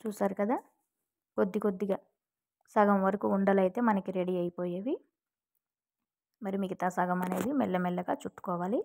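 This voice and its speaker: A woman, explaining a recipe step by step to her viewers in a gentle, polite, casual way. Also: medium pitch, fairly even intonation, a little fast, creaky, pauses often. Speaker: cooking vlogger. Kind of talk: casual cooking demonstration.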